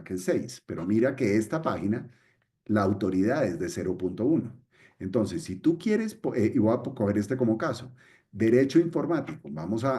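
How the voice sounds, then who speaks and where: A man's voice: fairly low pitch, warm tone. A middle-aged man presenting a webinar, explaining step by step and repeating his key points. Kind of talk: screen-share webinar explanation.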